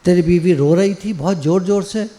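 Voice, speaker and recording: A man's voice: sits high, a little fast, mellow, lightly acted. A man doing sly pranksters. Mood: mocking. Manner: sly, mocking. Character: four teasing pranking male friends.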